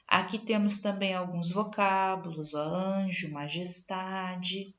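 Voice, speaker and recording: A woman's voice: on the low side, fairly even intonation, slow pace, fairly bright tone, muffled recording. A Brazilian woman teacher giving a spelling lesson, reading out word lists and checking in with the class as she goes. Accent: Brazilian Portuguese.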